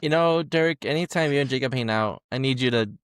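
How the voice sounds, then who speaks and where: A man's voice: medium pitch, fast, clean tone, no echo, studio quality. A man co-hosting a podcast in casual chat, playful and teasing. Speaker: podcast co-host.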